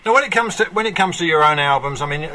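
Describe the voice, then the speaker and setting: A man's voice: fairly high pitch, expressive, fast talker, sharp tone. A man presenting a radio show, interviewing a guest in a friendly, conversational way. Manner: friendly, conversational, frequent short agreements.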